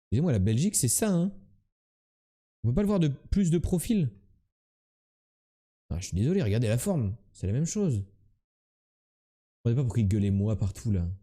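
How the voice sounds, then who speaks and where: Young male streamer from France, brash and jokey with chat, animated delivery. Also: mid-range voice, a little fast, long pauses. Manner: loud, teasing, talks to chat. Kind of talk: live-streamed quiz game chat.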